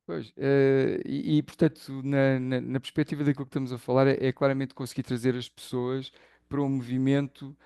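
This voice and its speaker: Gravelly-voiced Portuguese man, dark tone. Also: mid-range voice, little pitch movement, fairly quick, no room sound. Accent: Lisbon Portuguese. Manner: thoughtful, searching for words with many fillers. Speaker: interview guest. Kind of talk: reflective conversational interview.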